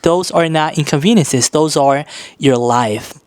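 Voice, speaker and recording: A man from Brazil giving an earnest, reflective vlog monologue, slowing down on key phrases. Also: a little high, a little mellow, dry recording. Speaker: vlogger.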